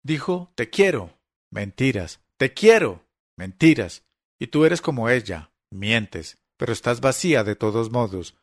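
Ágata, a shrill furious girl, voiced by a man. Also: sing-song, a little slow, creaky, hardly any pauses, darkish tone, dry recording, studio quality, exaggerated voice. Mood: bitter. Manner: shrill accusing outbursts. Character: angry blind young girl, bitter and distrustful.

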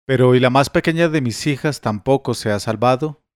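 A man's voice: mid-range voice, brisk, clean tone, no echo, clean studio sound, lightly acted. A man voicing an anxious rich master who asks one urgent question after another.

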